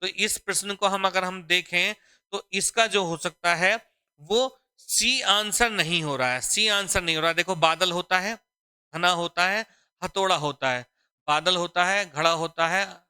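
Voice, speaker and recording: A man with a very bright, crisp, high-set voice teaches an exam-prep grammar lesson. He talks in a deliberate, drawn-out way and keeps asking the class questions and answering them himself. The sound is close and dry. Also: dry recording. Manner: repeats questions to students, calling them "beta" and "bachchon". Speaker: Hindi teacher.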